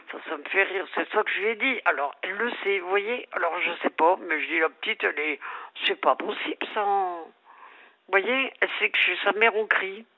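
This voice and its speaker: A woman's voice: medium pitch, animated, moderate pace. An older woman calling in to a radio show over the phone, rambling and repeating herself as she tells a family problem. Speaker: caller. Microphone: telephone. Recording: dull phone line.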